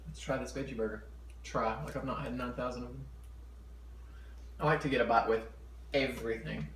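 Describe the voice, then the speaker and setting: A man chatting casually to camera for an eating show, chewing while he talks in his home kitchen. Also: medium pitch. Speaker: mukbang vlogger. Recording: echoey room with background noise.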